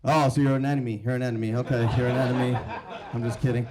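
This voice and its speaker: A young man from India does stand-up in a club, holding a mic and ribbing the audience in brash, rapid-fire exchanges. He speaks at medium pitch with a flat delivery.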